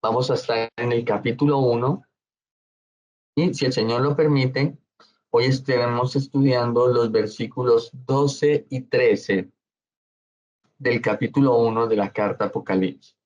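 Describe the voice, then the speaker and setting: A man preaching a slow, measured Bible study sermon as pastor, often checking in with his congregation. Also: medium pitch, steady tone, darkish tone, lo-fi sound.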